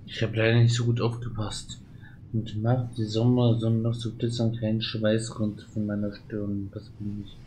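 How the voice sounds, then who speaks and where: A man doing casual let's play commentary, reading game text aloud and thinking out loud. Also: on the low side, flat delivery, normal speed, slight background noise, rough recording. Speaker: let's player, channel host.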